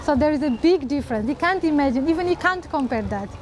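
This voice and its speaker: High-voiced woman in halting English. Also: animated, darkish tone, slight background noise. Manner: halting non-native English, restarts. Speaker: asylum seeker and writer. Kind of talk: testimony interview.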